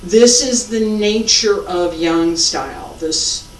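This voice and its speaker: A middle-aged or older tai chi instructor giving calm, unhurried movement cues and teaching in short, sparse phrases. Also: mid-range voice. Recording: echoey room, distant mic, faint noise.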